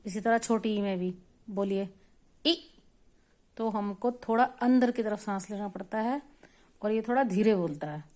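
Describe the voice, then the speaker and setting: A woman teaching Hindi vowel signs, drawing out each sound loudly and then explaining it softly, step by step. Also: medium pitch, normal speed. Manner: patient, step-by-step instruction while writing. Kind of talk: slow spoken lesson on Hindi vowel signs.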